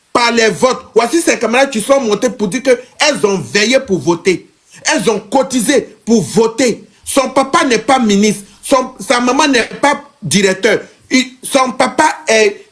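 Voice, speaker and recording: Emphatic man hosting a panel. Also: extremely high pitch. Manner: emphatic, argumentative, talks over guests. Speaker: host of a live panel. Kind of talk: live online panel hosting.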